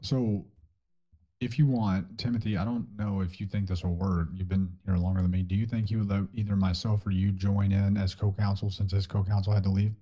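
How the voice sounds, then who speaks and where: A man playing a lawyer in a courtroom role-play game, thinking aloud with hesitant pauses. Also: fairly low pitch, level tone, mellow, muffled recording.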